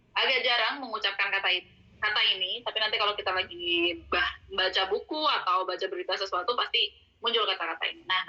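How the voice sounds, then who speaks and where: A woman teaches vocabulary in an easy, chatty way, repeating each word slowly and fixing her own slips as she goes. Her voice is very bright and sharp at an ordinary pitch. The recording sounds dull and lo-fi. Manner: explains patiently, repeats words slowly, self-corrects. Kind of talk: casual spoken lesson.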